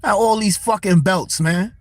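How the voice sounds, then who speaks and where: A man's voice: high voice, measured pace, no echo. A young man hosting a casual boxing talk livestream, speaking, blunt and profane as he answers his chat. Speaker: livestream host.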